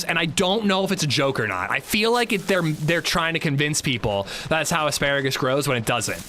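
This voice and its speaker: A man's voice: on the high side, pushed and bright, a little hiss or hum. A male streamer chatting casually with his audience and friends, self-mocking and reading out chat messages. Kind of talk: casual gaming livestream chat.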